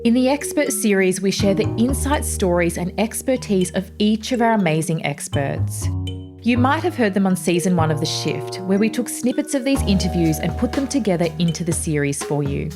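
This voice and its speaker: A woman hosting a podcast, reading a measured scripted introduction. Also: medium pitch, animated. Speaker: podcast host. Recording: loud music bed behind voice.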